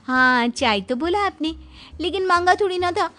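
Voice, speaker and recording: A woman's voice: extremely high pitch, animated, slow pace, bright, forceful tone, soft background music, voice pushed up, exaggerated voice. A woman voicing a talkative, cheerful young bride in an audio story. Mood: chatty. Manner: talkative, bubbly, shrieks and laughs. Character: chatty cheerful young bride, loud and lively.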